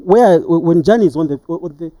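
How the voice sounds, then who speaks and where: In an interview, a middle-aged man with a Zambian accent recounts his experiences as a retired referee, halting and repeating words as he goes. His voice is fairly high and mellow, with no echo.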